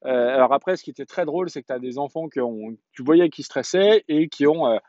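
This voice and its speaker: A man in his thirties or forties telling a personal story in a casual podcast monologue, halting often on fillers and restarts. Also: medium pitch, expressive, darkish tone, no room sound, muffled recording. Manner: hesitant, chatty storytelling with many fillers and restarts.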